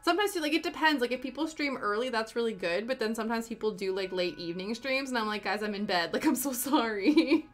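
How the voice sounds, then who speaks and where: This young woman, Canadian but living in the UK, streams from home and answers her viewers with giggly side comments as soft music plays. She speaks quickly at a fairly high pitch, barely pausing.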